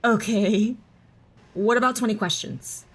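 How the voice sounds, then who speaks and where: A woman with a slightly high, somewhat rough voice speaks unhurriedly, playing a loving, teasing mother in an audio drama who both narrates and talks with her child. Her tone is playful and reassuring. The audio is poor, with music running underneath.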